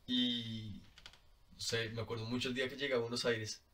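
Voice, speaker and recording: Colombian male guest, mid-pitched, chatty and animated, laughs a lot, slightly distant mic. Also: normal speed. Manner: animated, laughs often, fills with "como". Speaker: podcast guest. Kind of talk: casual storytelling.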